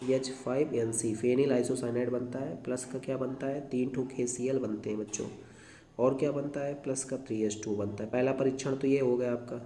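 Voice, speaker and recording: Hindi chemistry teacher in an echoey room. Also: male voice, mid-range voice, warm tone, slight background noise. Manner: repeats phrases slowly for note-taking, addresses students as children. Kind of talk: classroom lecture dictating answers.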